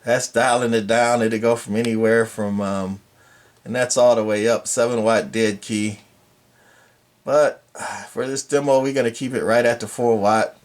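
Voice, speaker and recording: A radio hobbyist presenter with a mid-range voice talks at normal speed while demonstrating equipment hands-on, narrating in a casual, plain way. A steady equipment hum fills the noisy room.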